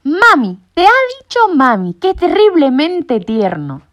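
Woman doing a fussy know-it-all storybook cat, high and jumpy, all dramatic gasps, muffled audio. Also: sing-song, measured pace, a bit bright, full character voice. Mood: fretful. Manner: fretful, dramatic exclamations. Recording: muffled lo-fi recording.

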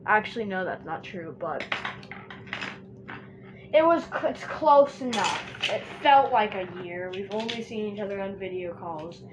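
A woman's voice: medium pitch, expressive, unhurried. A woman chatting casually while she draws, rambling and joking and filling her talk with "like". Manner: chatty and joking, says "like" constantly. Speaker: vlogger drawing on camera. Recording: dull, noisy home recording.

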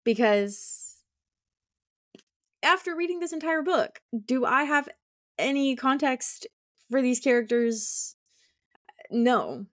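High and animated, a bit bright, her voice moves slowly with long pauses. The woman, a school teacher co-hosting a relaxed book chat, is informal and effusive and says "like" often.

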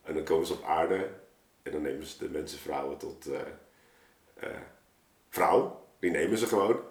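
In a roomy, echoey recording, an audio drama maker appears as a podcast guest and chats casually, telling loose, colloquial stories while thinking aloud. His voice sits low and sounds a little mellow.

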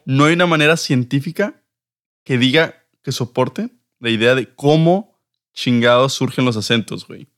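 A man's voice: medium pitch, normal speed, fairly bright tone. A young man with a northern Mexican accent chatting casually as a podcast co-host in slangy, informal speech with some swearing. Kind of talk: casual chat.

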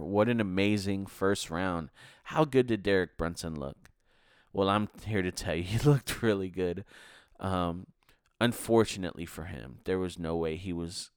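Deep, smooth-voiced male podcast host. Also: no echo, clean studio sound. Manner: chatty, laughs between results. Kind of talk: casual fight review monologue.

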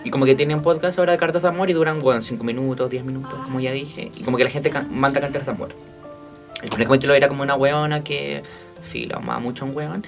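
Gravelly Chilean man telling a story. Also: mid-range voice, fast, music in the background. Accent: Chilean Spanish. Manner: chatty, slangy, animated storyteller. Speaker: podcast co-host. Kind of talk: casual chat, storytelling.

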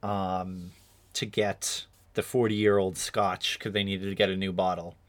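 Male co-host, casual podcast chat, retells scenes with animated high-pitched quotes. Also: measured pace. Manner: animated storyteller who acts out quotes in a high voice.

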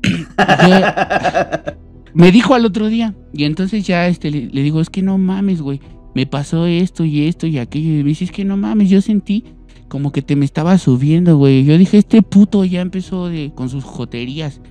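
A young man with a Mexican Spanish accent, appearing as a storyteller guest, casually tells a scary story among friends. He is animated, acting out voices and screams and using heavy slang. His voice is high, his pace moderate, and faint music plays behind him.

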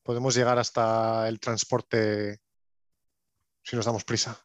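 A man's voice: on the low side, flat delivery, measured pace, no echo, muffled recording, lightly acted. A man doing Chip, an urgent anxious survivor. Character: anxious protective male survivor on a space station.

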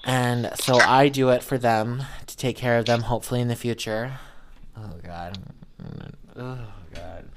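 A woman's voice: a bass voice, level tone, moderate pace, hardly any pauses, background noise. A young woman from Montana hosting a podcast in casual, joking, self-deprecating chat. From urban Montana, United States. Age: young adult. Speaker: podcast host.

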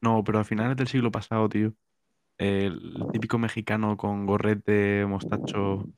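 A man's voice: fairly low pitch, flat delivery, moderate pace, a little mellow, a little hiss or hum. A man from co-hosting a casual comedic podcast, making wry, ironic asides. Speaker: podcast co-host.

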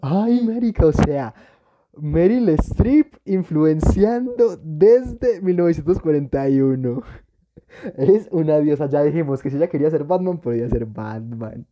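A man's voice: a little high, animated, measured pace, dark tone, dull audio. A man co-hosting a casual podcast chat, reacting with theatrical exclamations. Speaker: podcast co-host.

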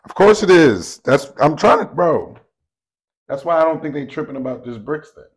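A man's voice: a little high, animated, moderate pace. A man co-hosting a podcast in casual chat, making his points with emphasis and repeating them. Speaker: podcast co-host.

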